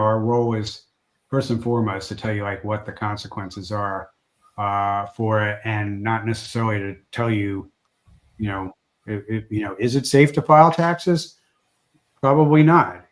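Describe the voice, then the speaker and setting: A man who is an immigration lawyer talks through a livestream update over a video call. His voice is slightly low and a little hoarse. He speaks haltingly, restarting often with fillers.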